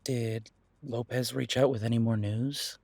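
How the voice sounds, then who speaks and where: A man voices a protective, worried werewolf detective boyfriend in an intimate roleplay audio drama, speaking softly and reassuringly with hesitant pauses. His mid-range voice holds a steady tone with a creaky quality, and there's no echo; he sounds concerned.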